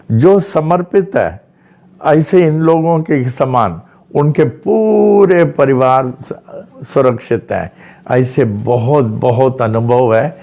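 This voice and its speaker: Man w maharashtrian accent, slow devotional talk, kinda high voice, repeats himself a lot. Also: warm tone. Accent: Maharashtra, India. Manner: slow storytelling with repeated phrases. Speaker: spiritual teacher. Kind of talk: devotional discourse.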